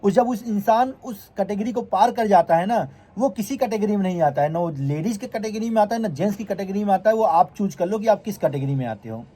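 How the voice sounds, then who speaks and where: A man's voice: high-pitched, lively intonation, brisk, few pauses, dark tone, breathy edge. A vlogger who is a man, delivering a heated, confrontational rant straight to his viewers and repeatedly scolding his critics.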